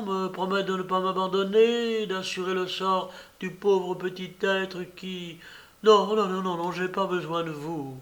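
A man's voice: high voice, fairly bright tone, voice pushed up, heavily acted. A man reading aloud, voicing a desperate, jilted young woman who cries out in anguish. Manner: anguished, crying out.

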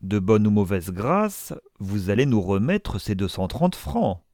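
A man's voice: on the low side, very animated, a little slow, a little mellow, dry recording, studio quality. A man voicing a commanding army captain who speaks firmly and with authority. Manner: firm, authoritative. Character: commanding male army captain and governor, firm.

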